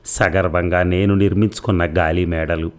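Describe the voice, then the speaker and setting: A man narrating a first-person audio story with a measured, steady reading. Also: low-pitched.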